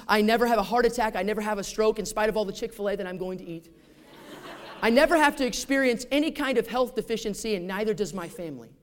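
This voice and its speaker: A man's voice: sits high, fairly bright tone. A man preaching a sermon in a conversational way, asking the congregation rhetorical questions. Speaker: pastor.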